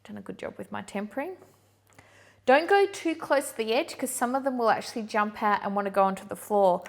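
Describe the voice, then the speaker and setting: A middle-aged woman hosting a cooking demonstration, giving clear step-by-step instructions in an upbeat manner. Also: medium pitch, lively intonation, a little fast. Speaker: chocolatier host.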